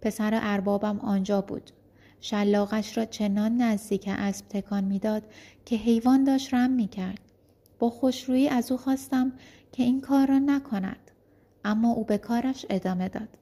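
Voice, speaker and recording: A woman's voice: fairly high pitch, fairly even intonation, mellow. A woman voicing a bitter, defiant young enslaved man who protests angrily.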